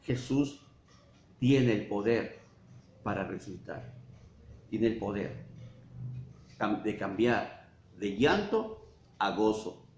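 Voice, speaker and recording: A man with a Mexican Spanish accent preaching a sermon as pastor, asking frequent rhetorical questions and pausing for emphasis. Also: on the low side, animated, darkish tone. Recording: dull roomy church sound with faint hiss.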